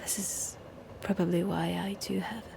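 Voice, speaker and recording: For an audio roleplay, a woman plays a centuries-old French-accented vampire, her voice husky, whispery and sickly as she drawls slowly and teasingly. The mood is sly, the voice lowish and level in tone, with background noise behind it.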